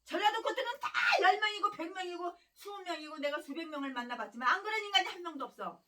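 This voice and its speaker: A woman's voice: very high-pitched, lively intonation, quick pace, bright, forceful tone, recorded from a distance. A woman pastor preaching a sermon in a fiery, scolding way, hammering on repeated phrases and breaking into harsh, angry rants. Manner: harsh angry ranting with insults.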